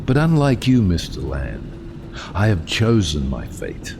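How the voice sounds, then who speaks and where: An actor playing a proud, brooding, self-exiled submarine captain in an audio drama, with grandiose, deliberate, theatrical delivery and a gravelly voice. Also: male voice, sits low, huge pitch swings, background noise, exaggerated voice. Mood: defiant.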